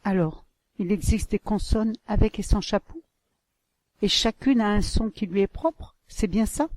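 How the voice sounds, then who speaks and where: Female co-presenter, mellow, inquisitive, scripted question lines. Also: medium pitch, measured pace. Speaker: lesson co-presenter asking questions. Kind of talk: scripted narration.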